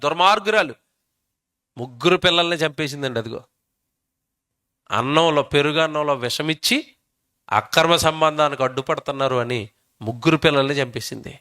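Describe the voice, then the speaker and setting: Bright high-voiced preacher. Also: male voice. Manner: emphatic, keeps quizzing the audience. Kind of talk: sermon.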